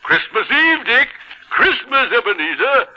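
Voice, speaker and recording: Jolly, high-pitched old master. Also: male voice, sing-song, unhurried, full character voice. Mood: jolly, excited. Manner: booming, exuberant calls. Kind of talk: 1950s radio drama acting. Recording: very noisy, dull old radio broadcast.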